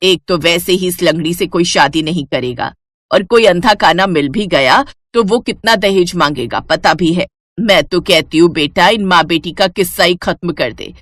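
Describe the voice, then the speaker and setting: A woman's voice: on the low side, normal speed, a bit bright, no echo, clean studio sound. A woman voicing a cruel, scolding grandmother. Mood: contemptuous. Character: harsh scolding old grandmother. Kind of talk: cartoon story voice acting.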